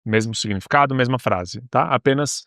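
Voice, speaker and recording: A Brazilian man teaches beginner English, patient and methodical, and he draws out each English example slowly. His voice sits at a middle pitch and is recorded close in a dry, dead room. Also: fairly bright tone, no room sound. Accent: Brazilian Portuguese. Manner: patient, step-by-step explaining, slows down for English words.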